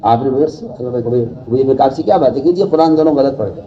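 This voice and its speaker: A man preaching a sermon to scholars, speaking emphatically, repeating key phrases and rising sharply to stress points. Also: mid-range voice. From India. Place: large mosque hall. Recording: dull lo-fi recording from far off.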